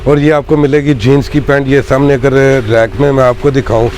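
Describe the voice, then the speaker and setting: A man with a Pakistani Urdu accent, a shopkeeper calmly listing his goods and prices. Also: medium pitch, fairly quick, slight background noise. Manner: matter-of-fact, polite, listing prices. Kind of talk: sales pitch in casual talk. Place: outdoor market street.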